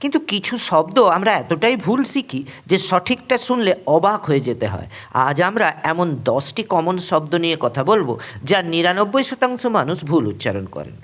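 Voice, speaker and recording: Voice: medium pitch, very animated, a little fast, a bit bright. A narrator giving a scripted pronunciation lesson, setting a wrong version against the right one for each word and speaking straight to the viewer. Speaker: English pronunciation teacher.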